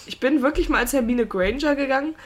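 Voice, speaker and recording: A woman's voice: high-pitched, fast talker. A young adult woman co-hosting a casual chat podcast, telling long detailed stories with lots of digressions and frequent laughter. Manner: rambling, detailed storyteller, laughs often. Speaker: podcast co-host.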